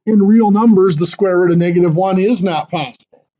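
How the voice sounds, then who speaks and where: In this lo-fi clip, a man lectures on math to his class at a fairly quick pace, breaking things down step by step with fillers and restarts. His voice is high-pitched and dark in tone, and it's hoarse; he clears his throat often as he loses it.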